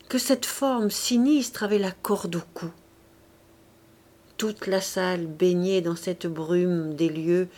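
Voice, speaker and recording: A woman narrating a classic novel for an audiobook at a slow, unhurried pace. Her reading is measured and even, at times sinking into a soft whisper. Her pitch sits in a middling range. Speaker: audiobook reader.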